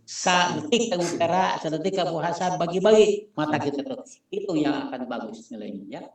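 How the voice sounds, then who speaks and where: A man with a Sundanese accent lectures a class as its instructor, his slightly high voice moving fairly quickly. He repeats key points with emphasis and spells out acronyms letter by letter, in a room that echoes.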